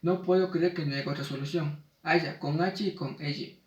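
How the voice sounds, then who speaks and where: A man reads out a spelling lesson in a measured way and slows down for the example words. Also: fairly high pitch, fairly even intonation, distant mic. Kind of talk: reading a spelling lesson aloud. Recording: echoey room, voice off-mic.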